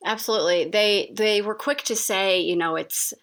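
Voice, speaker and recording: A woman's voice: medium pitch, moderate pace, a bit bright. A woman co-hosting a podcast, talking about a local business in an upbeat, enthusiastic way. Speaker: podcast co-host. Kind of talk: conversational interview.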